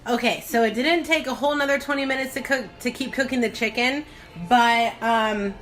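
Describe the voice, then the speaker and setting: A woman's voice: fairly high pitch, moderate pace, fairly bright tone, faint music behind. A woman giving a casual, loose cooking demonstration, thinking aloud and wandering off on playful asides. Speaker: home cook hosting a cooking video. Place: home kitchen, recorded on a phone. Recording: noisy kitchen, clattering dishes and pans.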